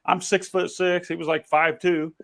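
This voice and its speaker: A man with a fairly high, gravelly voice, hosting over a video call. He tells stories animatedly, restarting often as he goes. The sound is casual and conversational. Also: normal speed. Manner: animated anecdotes with frequent restarts. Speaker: podcast host. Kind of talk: conversational storytelling. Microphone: video call camera.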